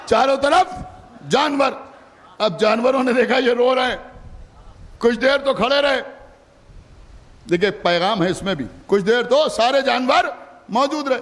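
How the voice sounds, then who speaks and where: Male preacher, Lucknow Urdu accent, very high voice, orating with sudden loud peaks; live hall with long echo. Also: expressive, a little slow, pauses often. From India. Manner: swings between soft asides and loud declaiming. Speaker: Shia cleric. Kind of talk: Muharram majlis sermon. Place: large imambargah hall.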